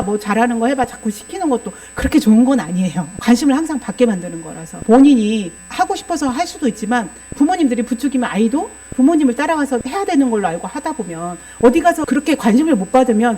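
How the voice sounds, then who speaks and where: A woman's voice: on the high side, warm tone. A woman preaching a sermon that mixes in psychology teaching, explaining patiently and often asking the congregation rhetorical questions.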